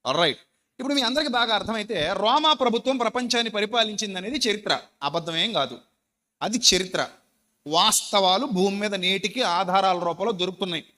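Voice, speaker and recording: A man's voice: high voice, fairly quick, bright, forceful tone. A man preaching a sermon to a congregation, speaking emphatically and putting rhetorical questions to his listeners. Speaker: pastor. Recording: long hall reverb.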